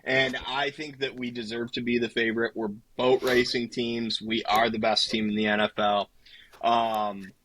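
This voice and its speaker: A young man co-hosting a sports podcast, making confident points in a casual, somewhat halting way. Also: mid-range voice, level tone, fairly bright tone, slight background noise, rough recording. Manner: confident, a bit halting with fillers. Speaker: podcast co-host.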